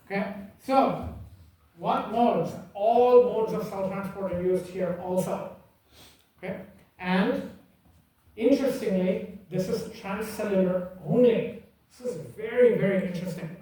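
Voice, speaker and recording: A man's voice: sits high, measured pace, warm tone. A man lecturing a class in an emphatic, teasing way, repeating key points and checking that students follow. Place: lecture room. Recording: echoey room from far off.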